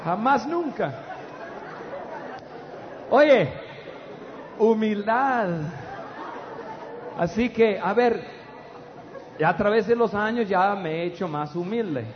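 A middle-aged man, preaching a humorous storytelling sermon in an animated, loud way with stammered restarts. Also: high voice, slow, long pauses, some chatter behind, slight background noise. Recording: dull, echoey hall with audience.

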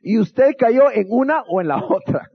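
High-voiced man preaching. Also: lively intonation, moderate pace, vocal fry, husky, muffled recording. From Guatemala. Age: adult, married. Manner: storytelling, acting out quotes with humor. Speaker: youth pastor. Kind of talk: motivational talk to an audience.

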